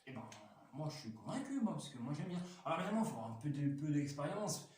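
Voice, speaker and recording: A man's voice: on the high side, very animated, quick pace, a little mellow. A man chatting casually while reviewing a toy, rambling with lots of fillers and restarts, enthusiastic. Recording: very echoey room, mic at a distance, faint noise.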